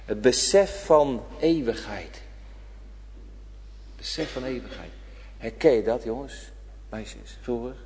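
A man preaching a sermon with great passion, dropping to a hush and then rising to a shout. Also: mid-range voice, lively intonation, slow pace, long pauses, a little hiss or hum. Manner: impassioned preaching, swinging between hushed and shouted. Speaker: pastor. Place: church. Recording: church hall reverb.

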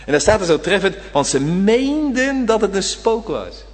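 A man preaching a sermon, dramatic, swinging from loud emphasis to near-whisper and asking the congregation rhetorical questions. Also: high-pitched, big pitch swings, moderate pace, big-room sound.

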